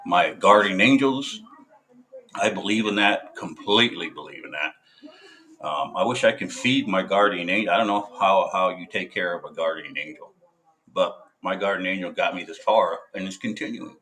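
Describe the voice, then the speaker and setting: Speaking to camera in a casual monologue, a military veteran with a low-sitting, sharp-toned voice is blunt and profane, halting and hesitant, with many fillers and restarts.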